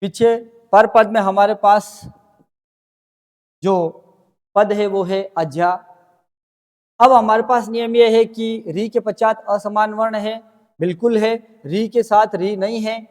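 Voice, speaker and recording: A man's voice: sits high, steady tone, takes it slowly, long pauses, long reverb tail. A man teaching a grammar lesson, explaining step by step and answering his own questions as he goes.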